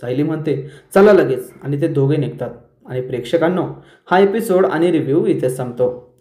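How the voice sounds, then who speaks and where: Mellow-voiced man recapping a TV serial. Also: a little high. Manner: brisk storyteller who briefly lifts his voice for quoted lines. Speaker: serial episode reviewer and host. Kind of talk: retelling a TV serial episode. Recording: roomy echo.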